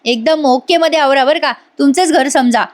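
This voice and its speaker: A woman's voice: sits high, moderate pace, voice pushed up, natural voice. A woman voicing a cheeky young man who protests and brags in a retold serial scene.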